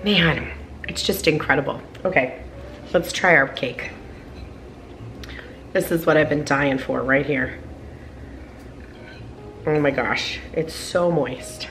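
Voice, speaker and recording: A cooking vlogger in her thirties talks through a home cooking video indoors in her kitchen, her deep, fairly bright voice slow and full of pauses. She raves about the food and sprinkles in plenty of "like" and "oh my goodness" in her casual cook-along narration, with a little hiss or hum in the background.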